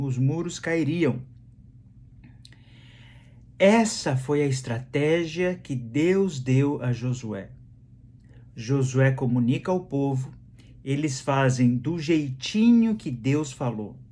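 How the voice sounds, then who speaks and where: Brazilian male pastor, conversational sermon, mid-pitched, slow and repetitive for emphasis. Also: dark tone. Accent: Brazilian Portuguese. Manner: conversational preaching, repeats phrases for emphasis.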